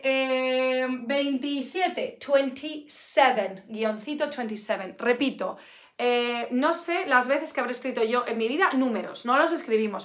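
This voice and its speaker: A fairly high-voiced woman teaching an English class in a live stream, chatty and lively, repeating each word slowly for her learners. She is from Canada. Her voice rings in an echoey room. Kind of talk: live online English lesson.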